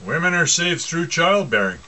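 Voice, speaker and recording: A man's voice: a little high, sing-song, moderate pace, pushed and bright. A man preaching an informal sermon, mocking and asking rhetorical questions, often laughing to himself.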